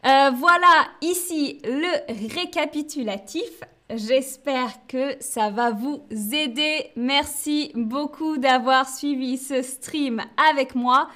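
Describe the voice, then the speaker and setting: A woman from France gives a live-streamed French lesson in a high, light voice. She talks very slowly and clearly, like a patient teacher. She keeps checking in with her viewers as she goes. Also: a bit bright. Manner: slow, clear teacher talk with frequent "d'accord?" and "hein".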